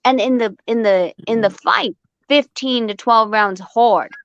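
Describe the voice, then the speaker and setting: A woman's voice: fairly high pitch, a little slow, no echo. A woman who trains boxers, telling blunt, profane stories during a casual panel chat, with a muffled, dry sound. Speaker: boxing trainer.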